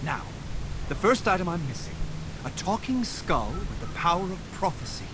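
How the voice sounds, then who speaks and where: A man's voice: high voice, sing-song, normal speed, noisy background. A man playing a pompous, theatrical carnival showman in a video game, with grandiose, flustered patter. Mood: wheedling.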